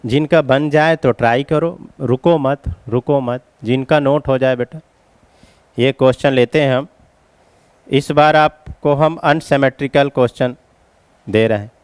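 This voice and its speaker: A man's voice: medium pitch, measured pace, clear, resonant tone, dry recording. A man teaching chemistry as a classroom lecture, explaining each step and calling his students children.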